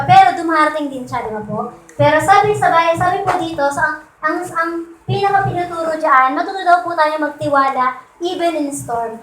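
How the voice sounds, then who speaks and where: This Sunday sermon comes from a woman whose very high voice has a fairly bright tone, with slight background noise. The echoey church hall carries her conversational Tagalog, which is sprinkled with English phrases and frequent requests for the congregation's agreement.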